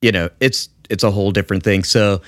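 Low-voiced man, halting with fillers. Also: fairly bright tone, no room sound, studio quality. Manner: halting, many fillers and restarts. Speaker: guest bassist. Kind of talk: casual podcast chat.

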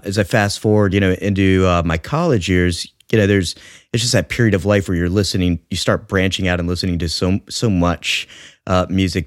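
A man in his fifties from New York, a bassist telling his story in a rambling, casual podcast chat full of fillers. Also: dry recording, studio quality. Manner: rambling, many fillers and restarts. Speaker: bassist co-host.

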